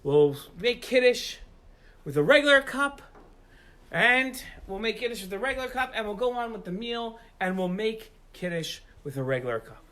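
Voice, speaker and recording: A man voicing a wise old rabbi in a children's story, speaking with lively emphasis. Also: sits high, normal speed. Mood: coaxing. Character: wise old male rabbi, calm and sharp-eyed.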